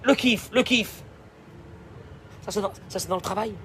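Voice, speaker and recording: A male rabbi preaching a sermon, emphatic and repetitive, swinging between loud declarations and hushed asides. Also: high voice, moderate pace, slight background noise.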